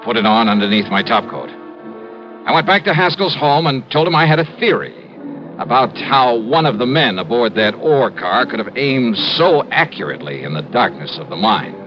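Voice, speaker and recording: A young adult male actor with a natural, medium-pitched voice plays the lead in a classic American radio crime drama: a shrewd, coolly persistent insurance investigator. He acts and narrates in the first person, briskly, with a probing, clipped delivery and hesitant lead-ins. The old radio recording is dull, noisy, and echoey.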